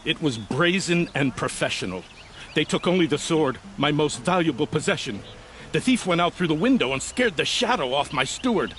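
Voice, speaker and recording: Formal, aggrieved nobleman, highish voice. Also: animated, moderate pace, fairly bright tone, slight background noise. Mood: indignant, proud. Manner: earnest, formal, proud. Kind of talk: video game dialogue acting.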